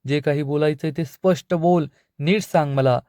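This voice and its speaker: A man's voice: on the high side, steady tone, moderate pace, darkish tone, no echo, clean studio sound, lightly acted. A man reading the lines of a middle-aged father mocking his daughter with contempt. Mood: scornful.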